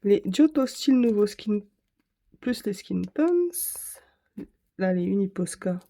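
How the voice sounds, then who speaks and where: A woman's voice: mid-range voice, very animated, takes it slowly, mellow. A woman vlogger chatting casually to camera, rambling and correcting herself as she shows her art supplies. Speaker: craft vlogger.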